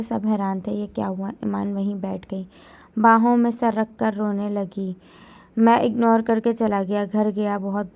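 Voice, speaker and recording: Female storyteller, gravelly texture, heartfelt first-person narration. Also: mid-range voice.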